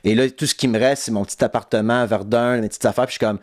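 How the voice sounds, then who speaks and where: A man's voice: medium pitch, steady tone, rapid-fire, no echo, studio quality. A man in his forties from Franco-Ontario, hosting a casual podcast chat, rambling with many restarts and bits of English. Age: 40s. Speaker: podcast host.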